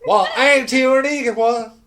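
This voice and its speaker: A man's voice: very high voice, moderate pace, bright, forceful tone, a little hiss or hum. A man voicing a folksy, flustered frontier townswoman in a tabletop role-play. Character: folksy, easily baffled townswoman shopkeeper Hannah in a frontier settlement.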